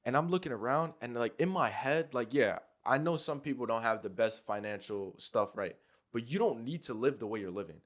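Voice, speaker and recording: A man's voice: mid-range voice, fairly quick. A young man from New Jersey hosting a casual podcast, blunt and swearing freely as he tells stories. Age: young adult. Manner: blunt, profane, storytelling. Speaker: podcast host. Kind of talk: casual chat.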